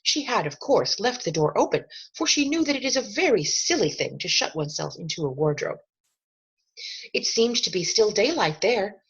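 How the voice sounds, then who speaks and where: With a husky, medium-pitched voice, a female narrator brings a children's novel to life through swooping, animated intonation and carefully paced drama. The audio has a somewhat dull, lo-fi quality.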